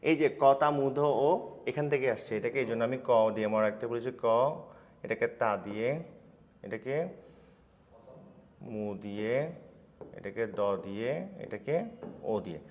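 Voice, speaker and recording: A young adult man teaching a school grammar lesson in a quick, instructive way, often checking that listeners follow. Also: lowish voice, steady tone. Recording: long reverb.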